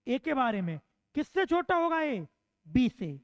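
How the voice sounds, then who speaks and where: A woman teacher giving an online exam-prep lecture, asking questions and answering them herself, repeating points slowly to drill them in. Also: sits high, big pitch swings, dry recording. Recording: dull, slightly lo-fi dry recording.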